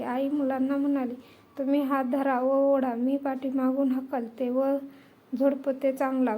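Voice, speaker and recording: A woman reading a story aloud in the first person, voicing the dialogue within her steady narration. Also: high voice.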